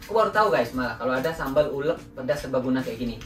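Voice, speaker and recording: A man's voice: medium pitch, expressive, rapid-fire. A young man from Indonesia hosting a casual home vlog, chatting to his viewers and often calling them guys. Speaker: vlog host. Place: small room at home, indoors. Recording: roomy, distant sound with background music.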